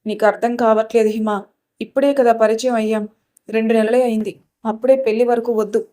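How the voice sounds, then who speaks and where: A woman voicing an evasive young man who calmly asks for more time. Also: on the high side, fairly quick, close to an everyday voice. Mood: placating. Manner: calm, placating.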